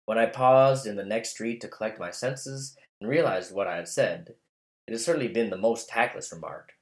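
A man narrating a classical tale in a measured, literary reading style. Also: lowish voice. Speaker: storyteller. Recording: roomy echo.

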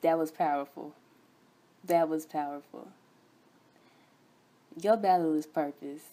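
A woman's voice: sits low, takes it slowly, mellow. A young woman hosting a sermon broadcast, preaching fervently with repeated chanted refrains. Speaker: host and preacher.

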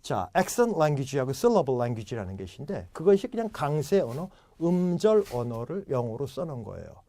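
A man's voice: medium pitch, fairly quick, no echo. A man giving an English lecture, acting out little example dialogues as he explains. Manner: animated, acts out example dialogues. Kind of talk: classroom lecture.

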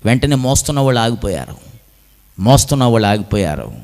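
A male pastor preaching a dramatic sermon, swinging from soft passages to impassioned peaks and firing off rhetorical questions. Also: medium pitch, big pitch swings, long reverb tail. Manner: rapid-fire rhetorical questions.

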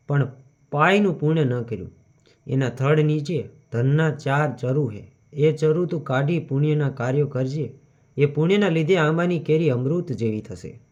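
A man narrating a devotional story at a steady reading cadence. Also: a little high. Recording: dull lo-fi recording.

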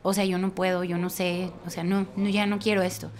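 A woman with a Mexican accent, a worship leader, telling a story in lively conversation, laughing often and restarting her phrases with emphasis. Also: on the low side, brisk.

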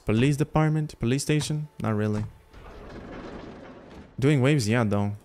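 A man's voice: mid-range voice, measured pace, a little mellow, slight background noise. Chatty man streaming. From Lithuania. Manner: chatty, thinking aloud, talks to chat. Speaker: gaming livestreamer. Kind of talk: casual gameplay commentary.

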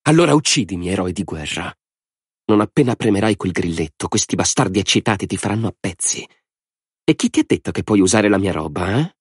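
A man's voice: deep voice, very animated, brisk, husky, no echo, studio quality, heavily acted. A man voicing a scornful defiant woman. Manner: scornful, taunting. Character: fierce defiant young woman captive.

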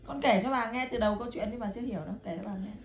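A woman's voice: on the high side, racing. A woman in a casual family chat, prodding a child with teasing questions. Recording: echoey home room, faint noise.

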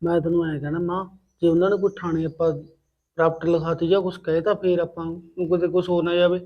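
A man's voice: a little high, flat delivery, quick pace, highs cut off, lightly acted. A man playing a timid, worried son in a village comedy short film, talking to his mother. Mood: anxious. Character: timid young adult son, anxious.

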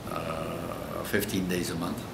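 A man in his sixties with a French accent speaks in a very low, deep voice, earnest and thoughtful as he searches for his words. The room around him rings noticeably, and a steady low rumble hums underneath. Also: slow pace, vocal fry, echoey room. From Egypt. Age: 60s. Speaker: coach. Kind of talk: reflective interview answers. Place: indoor hotel room.

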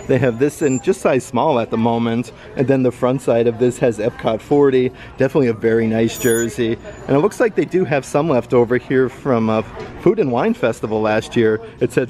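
A man's voice: mid-range voice, darkish tone. A man vlogging a casual walkthrough of a store, upbeat and chatty as he reads off prices, with frequent fillers like "uh" and "like". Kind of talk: casual shopping walkthrough narration. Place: indoor retail store.

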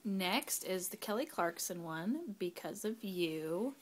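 A young mother's expressive, medium-pitched voice moves slowly as she casually reviews a candle at home with her kids close by. She rambles, uses fillers, and occasionally drops to a whisper, with slight noise in the background.

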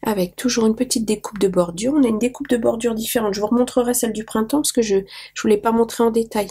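A craft vlogger talks fast in a fairly high, steady voice that's warm and husky. She's losing her voice while she opens mail, casually showing viewers the items and gushing over small details.

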